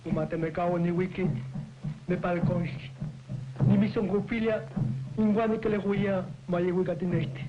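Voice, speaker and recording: An actor playing a stern ancient Aztec ritual chanter in an old horror film, intoning a declamatory ceremonial incantation on a muffled soundtrack. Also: male voice, high-pitched, fairly even intonation, normal speed, over music, lightly acted.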